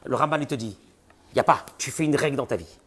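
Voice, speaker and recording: A man's voice: medium pitch, fast, slight background noise. A man giving a religious lesson to listeners. He asks rhetorical questions and acts out the people he describes. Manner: animated, rhetorical questions, voices imagined people. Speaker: rabbi teaching a class.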